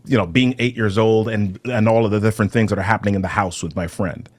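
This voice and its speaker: A man from Jamaica, a guest on a podcast, talking about storytelling in a brisk, animated way and explaining his points with examples. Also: lowish voice, no room sound. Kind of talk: conversational interview.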